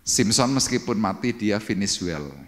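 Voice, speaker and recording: A man's voice: lowish voice, lively intonation, normal speed. A male pastor preaching dramatically to a congregation, acting out cries and sound effects. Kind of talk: Pentecostal sermon. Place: church hall. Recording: long church-hall reverb.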